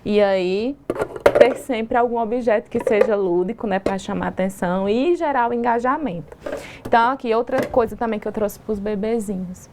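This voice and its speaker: A Brazilian woman speech therapist talks in a television studio, patient and teacherly, often pausing on rhetorical questions. Her voice sits fairly high. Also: background noise. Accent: Brazilian Portuguese. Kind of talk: explanatory interview talk.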